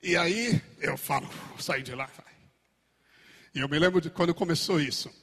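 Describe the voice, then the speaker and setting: Animated Brazilian pastor preaching. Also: male voice, a little high, normal speed, slightly rough. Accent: Brazilian Portuguese. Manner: animated, swings between shouting and quiet asides. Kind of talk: sermon. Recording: echoey church hall.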